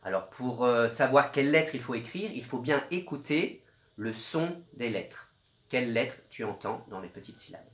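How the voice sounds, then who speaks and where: A man teaching young children a spelling dictation, speaking gently and encouragingly and sounding out letters slowly. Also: mid-range voice, expressive, reverberant. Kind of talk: slow, patient dictation lesson for young children.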